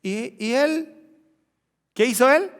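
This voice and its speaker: A male pastor preaching a sermon, questioning the congregation and swinging from loud exclamations to hushed, slow emphasis. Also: very high-pitched, expressive, clean tone, long reverb tail. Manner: addresses the congregation directly with questions.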